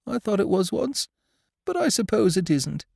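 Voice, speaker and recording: A man's voice: high voice, sing-song, moderate pace, gravelly, a little mellow, slightly rough, dry recording, clean studio sound, voice pushed up, heavily acted. A man voicing a simple, humble toy bear in a storybook, with an artless, doleful manner.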